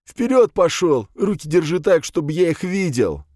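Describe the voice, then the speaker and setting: Man voicing a menacing gun-toting driver, higher and louder than the narrator, barking orders, audiobook. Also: big pitch swings, brisk, no echo, studio quality. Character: greedy armed male taxi driver, menacing.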